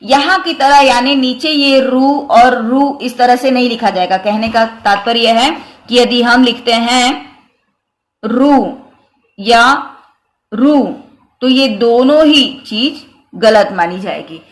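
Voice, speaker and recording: Slow, careful Hindi teacher in an echoey room. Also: female voice, on the high side. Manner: slow, careful explaining with repeated examples. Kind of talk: grammar lesson on the Hindi script.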